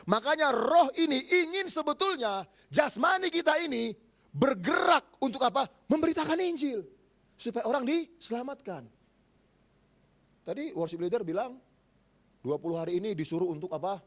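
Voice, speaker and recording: A male pastor preaching a sermon, telling a story with lively acted-out voices and asking his listeners questions that he answers himself. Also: fairly high pitch. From Indonesia. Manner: animated storytelling, acting out quoted voices; asks the congregation questions and answers them. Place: church auditorium.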